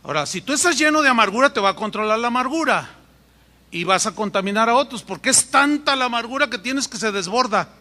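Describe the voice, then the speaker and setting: A Mexican man preaching a sermon as pastor, emphatic, pausing and repeating words for effect, heard with long hall reverb. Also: very high-pitched, animated, sharp tone.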